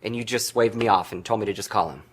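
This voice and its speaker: A man's voice: lowish voice, fast, breathy edge. An actor playing a defensive groom-to-be who bickers with his partner. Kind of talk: film acting.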